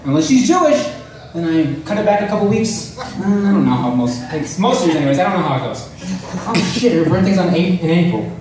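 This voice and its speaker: A young man doing a rambling, self-deprecating, profane stand-up routine at an open mic, halting and casual as he goes. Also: high voice, sing-song. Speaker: stand-up comedian. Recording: very echoey room, distant mic, faint noise.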